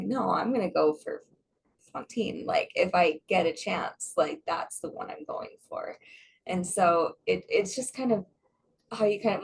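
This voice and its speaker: A young adult actress chatting casually in an interview, rambling with many restarts and frequent laughs. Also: female voice, fairly low pitch, gravelly, darkish tone, a little hiss or hum. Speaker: guest, stage actress.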